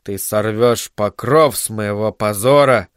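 A man voicing a proud, shamed male bird-man who drops to a hushed whisper or breaks into a desperate cry. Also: lowish voice, unhurried, clear, resonant tone, no echo, studio quality, pitched below the performer's own voice, lightly acted.

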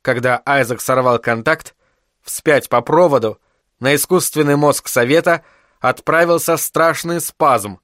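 A man reading an audiobook in a steady, even narration. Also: medium pitch, unhurried, no room sound, clean studio sound. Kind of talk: scripted narration.

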